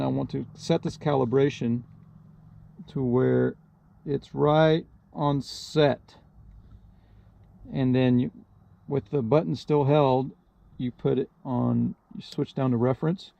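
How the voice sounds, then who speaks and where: In this muffled recording, a DIY video host walks through a radio installation with a relaxed, practical how-to explanation. He sounds modest, unscripted and a bit hesitant, with a warm, medium-pitched voice and some vocal fry.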